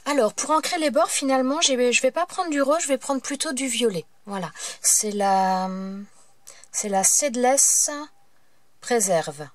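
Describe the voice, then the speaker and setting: A woman's voice: high voice, moderate pace, no room sound. Chatty woman demonstrating a paper craft. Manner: chatty, hesitant, many fillers and self-corrections. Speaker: crafting tutorial host. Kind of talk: casual step-by-step craft demonstration.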